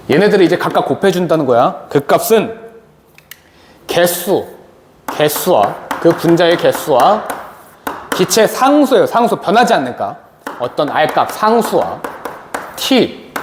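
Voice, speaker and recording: A man teaching a chemistry lecture, asking questions and answering them himself. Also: fairly high pitch. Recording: long reverb, faint noise.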